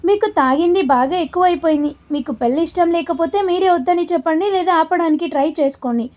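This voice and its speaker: A woman's voice: extremely high pitch, fairly quick, a little mellow. A woman voicing a stubborn, frustrated young woman who refuses orders in an indignant, defiant way.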